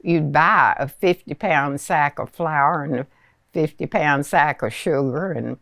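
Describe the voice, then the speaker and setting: A very old woman in her nineties with a Southern US accent, reminiscing in a hesitant, unhurried storytelling way with many pauses. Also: sits low, creaky, a bit bright, no echo, studio quality. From rural Arkansas, United States. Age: 90s, very old. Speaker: elderly interviewee recalling childhood. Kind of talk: reminiscing oral history.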